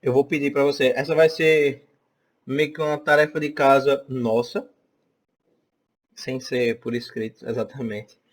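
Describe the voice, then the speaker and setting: A man's voice: medium pitch, steady tone, a little slow, pauses often. A young man with a Northeastern Brazilian accent teaching an online class. He keeps checking in with "tá?" and "né?" as he talks. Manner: chatty, checks in often with "tá?" and "né?".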